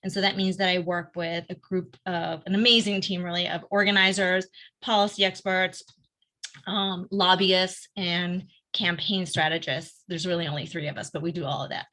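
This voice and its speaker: A middle-aged woman from Argentina gives an informal, upbeat presentation as a guest speaker on a video call, often pausing with "um". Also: fairly low pitch, flat delivery, sharp tone. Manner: upbeat and conversational, frequent "um"s. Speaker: guest speaker, advocacy field director.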